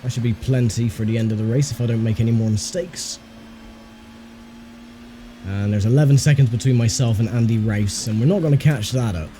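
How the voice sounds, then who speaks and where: A man's voice: mid-range voice, brisk, warm tone. A man hosting a racing game video, giving casual commentary on his own driving. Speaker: sim racer and host. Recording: faint engine noise behind voice. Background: racing game car sounds.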